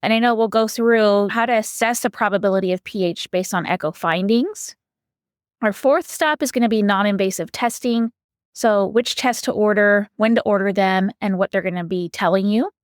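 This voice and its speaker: A woman co-hosting a medical podcast, methodical and organized as she maps out the topics ahead. Her voice sits at a middle pitch and sounds dry and close, with no room echo. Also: normal speed. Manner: organized, lays out a roadmap step by step. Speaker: podcast co-host, physician.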